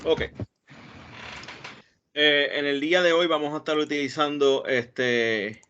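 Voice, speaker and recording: A man's voice: fairly high pitch, steady tone, slow pace, bright, forceful tone, slight background noise. A man from Rico, a database administrator giving an online technical talk, hesitant and full of fillers and restarts. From Puerto Rico. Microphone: computer mic on a video call. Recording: dull lo-fi video call audio.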